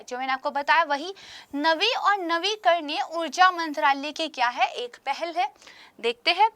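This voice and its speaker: A young woman with a very high, bright voice, teaching exam preparation in a tight, dry-sounding space. She works through practice questions step by step and keeps checking that her students follow along. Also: dry recording. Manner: explanatory, checks in with "right?" and "okay". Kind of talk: explaining current affairs with practice questions.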